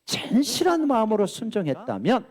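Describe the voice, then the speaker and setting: A man's voice: sits high, wildly swooping pitch, normal speed, a little mellow. A middle-aged male pastor preaching a sermon, telling a story and acting out the quoted lines.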